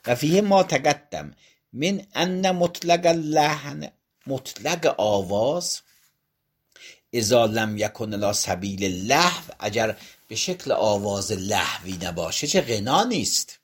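A man's voice: medium pitch, lively intonation, slightly rough. A man teaching religious jurisprudence, reading a passage aloud and then explaining it phrase by phrase, often rephrasing and correcting himself as he goes. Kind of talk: classroom lecture.

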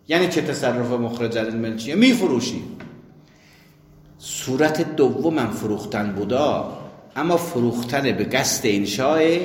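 A man teaching a jurisprudence lesson, who explains with worked examples and asks and answers his own questions. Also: medium pitch. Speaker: seminary teacher. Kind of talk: jurisprudence lecture. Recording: echoey hall.

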